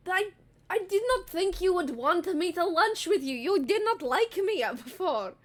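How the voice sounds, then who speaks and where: A woman's voice: very high voice, animated, moderate pace, voice pushed up. A woman voicing a vain, defensive male bard who protests in a flustered way during a tabletop game.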